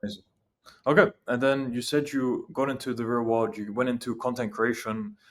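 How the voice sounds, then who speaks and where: Male interviewer, average pitch, brief and straightforward questions. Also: level tone, fairly quick, a bit bright. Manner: brief, plain prompts.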